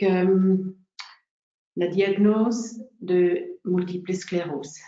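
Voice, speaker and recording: A woman in her forties giving an informal personal talk as a guest speaker, in halting, broken French with a non-native accent and unidiomatic wording. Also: medium pitch, a little mellow. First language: not French, a second-language speaker. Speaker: guest speaker, massage therapist. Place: indoor room, online webinar. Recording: roomy, dull webinar audio.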